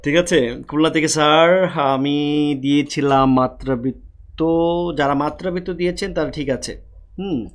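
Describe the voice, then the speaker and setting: In an online lecture on Bengali prosody, a teacher with a higher male voice slowly spells out syllables. He keeps repeating questions and then answering them himself.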